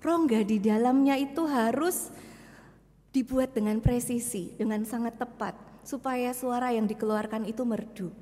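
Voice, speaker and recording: A woman's voice: on the high side, normal speed, warm tone. Woman preacher in an echoing hall. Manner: addresses listeners as brothers and sisters, acts out anguished questions; mixes English phrases into Indonesian. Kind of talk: sermon.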